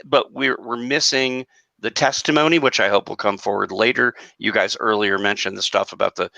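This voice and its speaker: A man talking on a casual live-stream panel in an animated, emphatic way, with some self-deprecating humour. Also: fairly low pitch, normal speed, gravelly, dry recording, poor audio. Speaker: panel guest.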